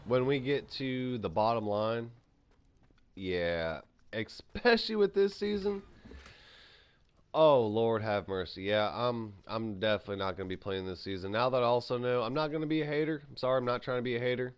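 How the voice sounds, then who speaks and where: A man with a medium-pitched, clean-toned voice talks fairly quickly as he hosts a gaming channel. While playing and eating, he gives casual gameplay commentary full of rambling opinions and animated ranting.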